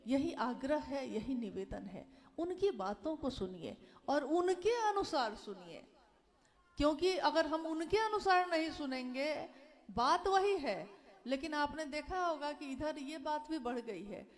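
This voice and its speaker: High, slow-spoken woman giving a devotional talk. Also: expressive. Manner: earnest, pleading, repeats key phrases. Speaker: speaker at a devotional gathering.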